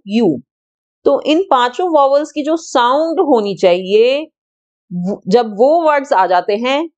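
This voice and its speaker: A woman's voice: fairly high pitch, a little mellow, dull audio. A woman teaching a grammar lesson to children, patiently repeating and stressing sounds and asking questions she then answers herself.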